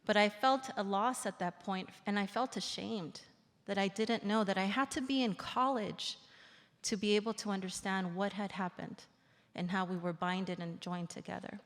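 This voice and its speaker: A woman in her forties, originally from El Salvador, gives an earnest, reflective formal speech as an invited speaker at a public event in a large indoor theater. Her mid-range voice keeps a fairly even intonation, and she slows down for emphasis. The recording carries the reverberation of the theater hall.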